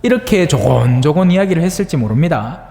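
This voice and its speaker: Lively priest preaching in a hall. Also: male voice, a little high, fairly quick, vocal fry. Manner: conversational, asks the audience for agreement; acts out voices in dialect-tinged asides. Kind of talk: homily on the Gospel.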